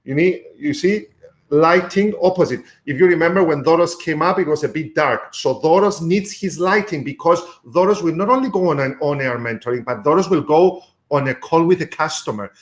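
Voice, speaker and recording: A man's voice: fairly high pitch, fairly quick. A man hosting a live-streamed mentoring show from a room at home, coaching guests on sales in an instructive way with frequent fillers.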